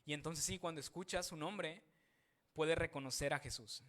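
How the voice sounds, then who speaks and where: Pastor guy preaching, kinda high-pitched, keeps asking listeners questions. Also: moderate pace. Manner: reads scripture, then explains with questions to listeners. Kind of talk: sermon.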